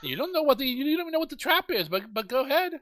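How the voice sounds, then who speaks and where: A man's voice: extremely high pitch, big pitch swings, very fast, crowd noise. A man running an online tabletop game as game master, patiently explaining the rules and describing the scene.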